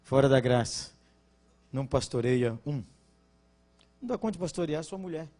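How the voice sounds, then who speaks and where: A man with a Brazilian Portuguese accent preaching at a conference, joking with the congregation and asking them to respond, then dropping into quiet, earnest teaching. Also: mid-range voice, expressive, normal speed, soft background music. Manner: swings from loud jokes to quiet earnest teaching. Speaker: pastor. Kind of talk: conference sermon.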